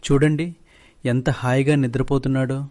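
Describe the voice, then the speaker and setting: A man's voice: mid-range voice, level tone, normal speed, a little mellow, lightly acted. A man voicing a worried young village mother. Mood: tender. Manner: anxious, earnest. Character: poor caring young village wife and mother.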